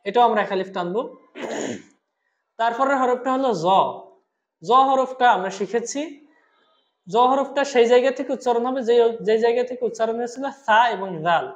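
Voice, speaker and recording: A patient teacher explaining Arabic letter pronunciation step by step, drawing each sound out slowly and asking listeners to repeat. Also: medium pitch, echoey room, highs cut off. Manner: slow, drawn-out demonstrations of each letter sound. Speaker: Quran recitation teacher.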